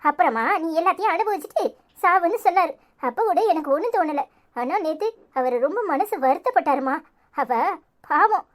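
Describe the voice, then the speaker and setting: A woman voicing an earnest, pleading young married daughter in a cartoon, with a Tirunelveli Tamil accent. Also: high voice.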